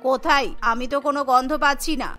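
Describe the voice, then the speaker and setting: A woman's voice: high-pitched, fairly even intonation, fast talker, sharp tone, soft background music, pitched below the performer's own voice. Woman voicing a bossy scolding mother-in-law. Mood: domineering. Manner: scolding, domineering. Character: stubborn bossy mother-in-law, middle-aged.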